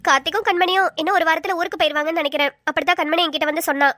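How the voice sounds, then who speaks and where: A woman's voice: extremely high pitch, steady tone, racing, bright, forceful tone, dry recording, clean studio sound. A woman voicing a worried, tearful young wife pleading with her husband in a cartoon. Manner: pleading, fretful.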